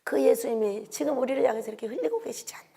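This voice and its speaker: Older woman, preacher, high-pitched voice, heavy vocal fry, emotional sermon, loud then whispered. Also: racing. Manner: emotional, swinging from loud exhortation to hushed whispers; addresses the congregation with rhetorical questions.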